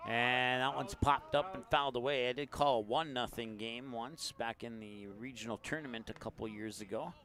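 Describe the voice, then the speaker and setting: Relaxed male baseball play-by-play announcer. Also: normal speed, few pauses, slight background noise. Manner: easygoing, chatty between pitches. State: has the hiccups.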